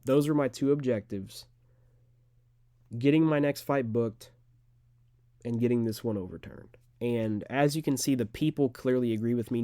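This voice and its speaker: A man's voice: mid-range voice, warm tone, no echo. A young man, an amateur fighter, talking straight to camera in an unedited, rambling monologue full of filler words. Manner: rambling, earnest, filler-heavy.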